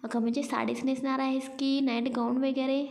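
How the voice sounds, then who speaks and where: A woman's voice: sits high, little pitch movement, normal speed, a little mellow. A woman voicing a playful young woman who teases her newly married friend. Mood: teasing. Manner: teasing, cheeky.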